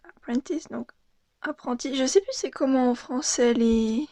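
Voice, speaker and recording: Soft-spoken young woman, half-whispering. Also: high voice, measured pace, no echo. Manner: soft, murmured card reading with frequent half-whispers. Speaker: card unboxing vlogger. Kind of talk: casual unboxing commentary, often whispered.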